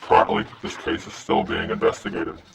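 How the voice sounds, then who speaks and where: A man reading a scripted anonymous message in a disguised, pitched-down voice. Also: completely flat delivery, brisk. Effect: disguised voice, pitched down and gravelly. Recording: noisy, distant-sounding recording.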